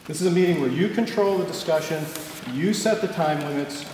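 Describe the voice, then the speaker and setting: A man's voice: a little high, fairly quick. A man with a Wisconsin accent giving an emphatic, rhetorical protest speech at a public meeting. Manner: emphatic, rhetorical, repeating for stress. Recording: echoey hall, far from mic, noisy.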